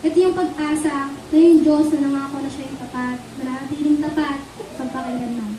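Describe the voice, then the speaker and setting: A woman with a Filipino accent delivers a sermon in a high, mellow voice, pausing often for an amen from her listeners. She stands well away from the microphone in an echoey church hall. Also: fairly even intonation, distant mic, slight background noise. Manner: Taglish, asks the congregation for amens. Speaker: preacher.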